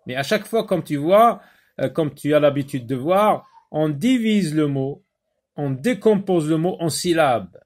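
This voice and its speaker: A man leads a children's phonics lesson. His slightly high voice swings widely in pitch as he says each word slowly and says it again. He pauses often on hesitant fillers while he explains. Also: expressive, a little mellow. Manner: slow and deliberate, repeats words and syllables; frequent hesitations with euh. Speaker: teacher.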